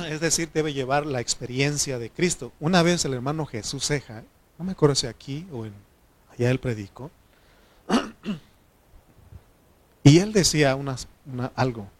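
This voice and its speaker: In an animated, medium-pitched voice, a man delivers a casual, chatty sermon, dotting it with filler pauses and frequent amens directed at the congregation.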